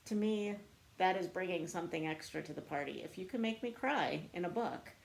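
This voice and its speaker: Her lowish, gravelly voice is animated and brisk, carrying a little hiss or hum. She's a woman book vlogger working through book tag questions, chatting to camera with a self-deprecating streak.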